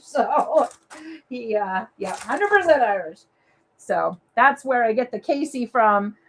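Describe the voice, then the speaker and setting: Chatty crafting host from Maine. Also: female voice, a little high. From Maine, USA. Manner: chatty, rambling, talks to viewers as she works. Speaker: papercraft show host. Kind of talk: live crafting demo chat.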